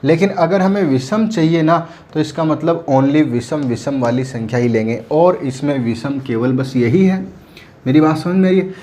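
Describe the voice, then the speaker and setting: A man's voice: fairly high pitch, normal speed, mellow. A man teaching math at a board, asking and answering his own questions and often telling students to pay attention. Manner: asks and answers his own questions, repeats "ध्यान देना". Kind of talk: classroom lecture at a board.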